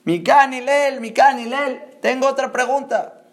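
A man's voice: sits high, very animated, normal speed. A man voicing an insistent male questioner who keeps pressing with provoking questions. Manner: insistent, needling.

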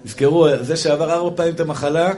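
A middle-aged male rabbi delivering a lively comic sermon in a chatty, joking way, calling his listeners brothers. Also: fairly high pitch.

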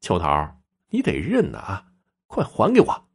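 A man's voice: sits low, huge pitch swings, measured pace, a little mellow, breathy edge, full character voice. A man voicing a brazen young mistress who taunts a widow over a debt, in a spoken story. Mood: taunting. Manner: taunting sing-song. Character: brazen sly young mistress demanding money.

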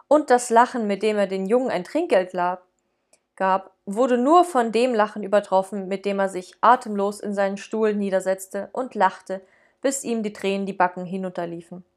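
A woman reading a classic Christmas story aloud, giving the characters lively voices. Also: medium pitch. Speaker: podcast host reading a story.

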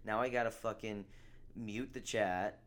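A man's voice: fairly low pitch, fairly even intonation, measured pace, fairly bright tone. A young man hosting a casual solo podcast, rambling and swearing, with a sarcastic streak. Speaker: podcast host.

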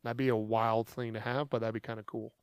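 A young man on a casual podcast who rambles loudly and works himself into mock outrage. His voice sits at a middle pitch and is recorded close and dry, with no room sound. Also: flat delivery, fairly quick, clean tone, no room sound. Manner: loud, rambling, exaggerated outrage. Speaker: podcast co-host. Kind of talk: casual chat.

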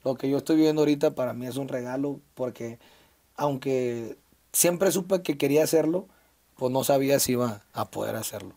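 A man's voice: mid-range voice, a little fast, gravelly, mellow. Man, 30s, Sinaloa Mexican accent, interview guest, reflective, hesitant fillers. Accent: Mexican Spanish, Sinaloa. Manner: reflective, frequent fillers and restarts. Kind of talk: casual conversational interview.

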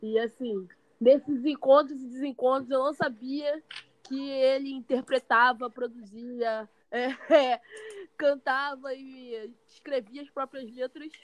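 A woman hosting a casual interview podcast, enthusiastic and upbeat, with quick interjections of approval. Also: sits high, fairly even intonation, low-quality recording. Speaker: podcast host.

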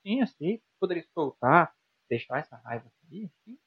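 A quick, husky-voiced Brazilian man in his role as a psychologist guest, talking with animated energy and firing rhetorical questions at the listener. His voice sits a little high for a man, and the audio comes through dull and lo-fi. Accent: Brazilian Portuguese. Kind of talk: conversational explaining with examples. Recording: dull lo-fi sound.

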